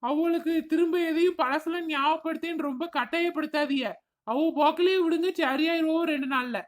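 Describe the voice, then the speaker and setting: A woman's voice: sits high, fairly even intonation, natural voice. A woman doing a brusque cartoon doctor man. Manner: brusque, hurried instructions. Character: impatient male doctor, middle-aged, brusque. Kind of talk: cartoon comedy voice acting.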